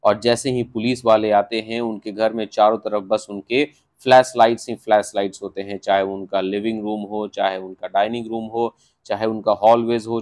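A man with an Indian accent, explaining a textbook chapter to students line by line. He reads each English line slowly, then explains it in Hindi, pausing to think. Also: on the low side. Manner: patient classroom explaining, thinks aloud with fillers. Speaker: teacher.

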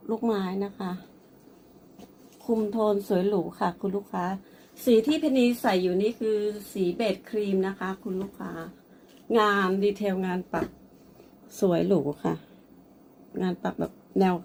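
A woman's voice: medium pitch, steady tone, unhurried, vocal fry, long pauses, a little mellow, a little hiss or hum. A woman presenting and selling a blouse, speaking politely and addressing the customer often. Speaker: online clothing seller. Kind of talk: product showcase sales pitch.

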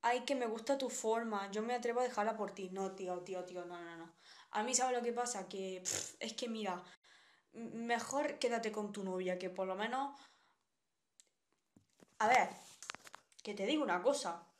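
A woman's voice: medium pitch, normal speed, pauses often. Blunt, chatty young Spanish woman streamer. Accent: Spanish, from Spain. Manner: chatty, blunt, reads viewer comments aloud. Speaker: live streamer. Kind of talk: casual live-stream chat.

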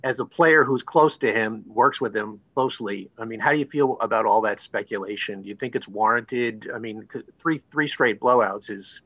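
A male reporter asks long, rambling questions at a press conference, padding them with you-knows. His husky voice comes over a dry, muffled remote line. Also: fairly low pitch, normal speed, few pauses, a bit bright, no room sound.

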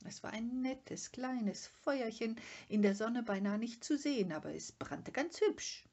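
A woman reader narrating a children's book in a calm, measured way, sometimes dropping to a near whisper. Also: on the high side, lo-fi sound. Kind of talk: audiobook narration.

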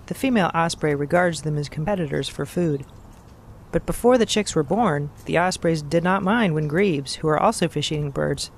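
A man reading scripted nature documentary narration in a measured, factual, explanatory manner. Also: fairly high pitch, slight background noise.

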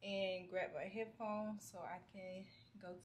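A woman in her twenties vlogs from her small apartment kitchen, chatting straight to her phone camera in a relaxed, easygoing way with slang. Her medium-pitched voice is slow, and there's slight background noise.

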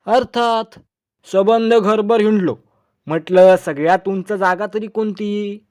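Male reader playing a silly, boastful son-in-law in a comic storybook, raised high and chattering. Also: steady tone, darkish tone. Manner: naive and boastful, chattering in quick bursts. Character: foolish, pompous village son-in-law, adult man.

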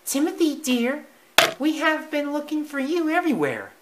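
A storybook reader voicing a fond mother mouse in a very high voice. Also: big pitch swings, moderate pace, heavy background noise. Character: warm motherly female mouse.

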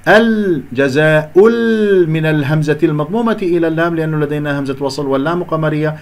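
A man with a slightly high voice teaches Quran recitation. He goes through the text letter by letter, drawing out sounds slowly as he demonstrates them and warning his students against common mistakes. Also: fairly even intonation, darkish tone. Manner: explains letter by letter, repeats sounds slowly, corrects errors. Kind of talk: recitation lesson with slow demonstrations.

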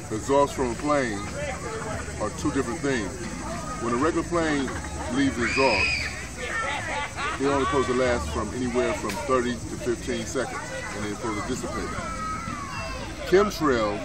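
A man in his forties talks through his ideas in an earnest, explaining way, a minister answering questions outdoors in a park. The camera sits a few feet off, so his voice comes from a distance. A clear murmur of people carries behind him. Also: mid-range voice. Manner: earnest, explanatory, repeats "so therefore". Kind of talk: street interview. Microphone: camera mic at a few feet. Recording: distant outdoor mic, crowd noise behind.

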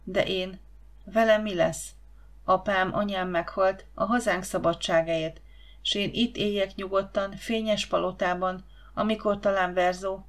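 A woman's voice: mid-range voice, fairly even intonation, close to an everyday voice. A woman voicing a proud, fiery young slave girl who speaks with passionate indignation. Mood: quietly earnest.

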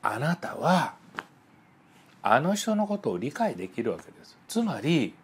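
A man giving a psychology lecture, telling stories in an animated way and voicing the people in them. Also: a little high, a little slow, breathy edge. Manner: animated storytelling, voices the people in his stories. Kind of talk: spoken lecture with acted-out dialogues.

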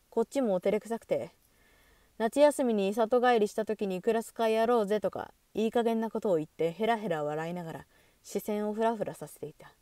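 A woman calmly reading a novel aloud in measured scripted narration, recorded close to the mic. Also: mid-range voice, no room sound. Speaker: audiobook reader.

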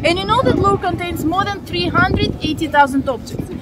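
Female tour guide, high voice, explanatory and questioning, recorded outdoors amid loud ambient noise. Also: moderate pace, over a noisy crowd. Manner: explanatory, asks the group questions. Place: outdoor viewing deck high above city at night. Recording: noisy windy outdoor city ambience.

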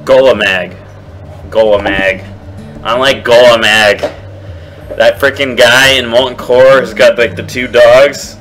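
A man casually commentating his own card game, teasing his opponent and slipping into mocking squeaky voices. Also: steady tone, unhurried, fairly bright tone. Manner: playful trash talk at opponent, swings into squeaky mocking voices. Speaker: gameplay streamer. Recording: game music behind voice.

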